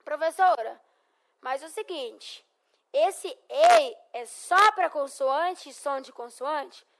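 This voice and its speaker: A woman's voice: high-pitched, lively intonation, slow pace, a bit bright, exaggerated voice. A Brazilian Portuguese-accented woman playing an adult student who asks the teacher questions in a recorded lesson. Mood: curious. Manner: questioning, curious. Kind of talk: classroom role-play in a recorded lesson.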